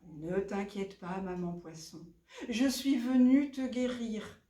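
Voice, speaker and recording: A woman voicing a sly crow who pretends to be a healer, smooth and coaxing, in a roomy, distant recording. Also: mid-range voice, lively intonation, takes it slowly, warm tone. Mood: reassuring.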